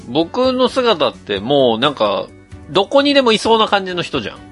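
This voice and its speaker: A man from Mie co-hosting a podcast in casual chat, animated and laughing as he complains. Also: high voice, brisk, soft background music. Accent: Kansai-leaning Mie dialect. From Mie, Japan. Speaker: podcast co-host.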